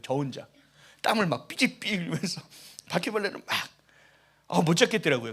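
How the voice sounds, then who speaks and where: A man, a pastor, preaching a sermon and telling stories in an animated, conversational way. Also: high-pitched, husky.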